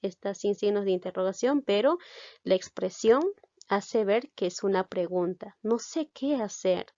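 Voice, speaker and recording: A woman's voice: medium pitch, a little mellow, no echo. Woman teacher, patient explaining, dull dry sound. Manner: explains with many checking "¿ya?" tags; reads example sentences with slow emphasis. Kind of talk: grammar lesson.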